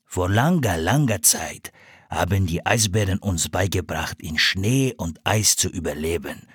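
A man voicing a kindly, calm seal hunter in a storybook reading, explaining slowly and patiently. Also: sits low, husky, no echo, clean studio sound, pitched below the performer's own voice, exaggerated voice. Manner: slow, measured, patient explaining.

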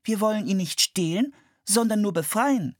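A man voicing an eager little girl who loves birds, talking high and pleading in a storybook reading. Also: animated, moderate pace, no room sound, studio quality.

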